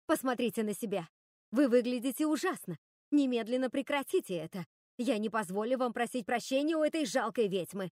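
A woman's voice: on the high side, expressive, a little fast, a little mellow, no echo, clean studio sound, natural voice. A woman voicing Lucinda, a commanding and scornful witch sister. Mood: stern. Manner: commanding, cold.

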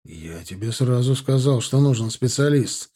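A man's voice: mid-range voice, lively intonation, moderate pace, mellow, husky. A man voicing an exasperated grown son arguing with his mother, in an audiobook. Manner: irritated, pleading. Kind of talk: audiobook character voice.

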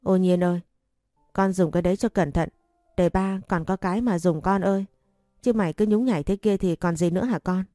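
A woman's voice: on the low side, brisk, warm tone, dry recording, clean studio sound, faint music behind, lightly acted. A woman voicing a confident, doting young husband who teases bossily, in a story reading. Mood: teasing.

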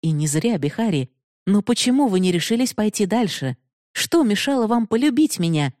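A woman's voice: mid-range voice, expressive, normal speed, darkish tone, dry recording, studio quality, voice pushed up, lightly acted. A woman voicing a proud, passionate young woman who pleads bitterly for love, raised and emotional. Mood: pleading, bitter.

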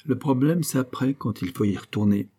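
A man's voice: mid-range voice, a little fast, mellow, natural voice. A man reading an audiobook, playing a chatty, nosy male office colleague who teases jovially. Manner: jovial, teasing.

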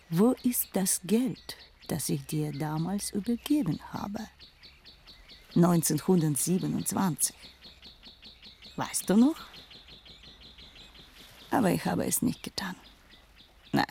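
An actress playing a worldly woman who recalls a lost lover in a radio play, speaking in a hushed, often whispering way with a gravelly edge. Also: fairly low pitch, exaggerated voice.

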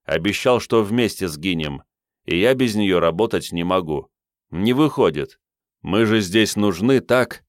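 A man's voice: deep voice, expressive, unhurried, dry recording, clean studio sound. A man voicing a stubborn, defiant young squad leader who speaks tersely.

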